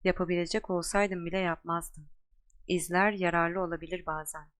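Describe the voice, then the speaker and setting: A woman voicing an old, calm, wise male wizard headmaster in an audiobook, unhurried and gently wry. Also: fairly low pitch, lightly acted.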